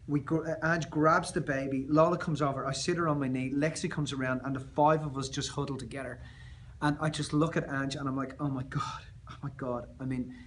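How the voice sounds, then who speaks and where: An Australian man speaking as a motivational speaker, telling a personal story in an earnest, emphatic way that often trails off softer. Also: fairly high pitch, slight background noise.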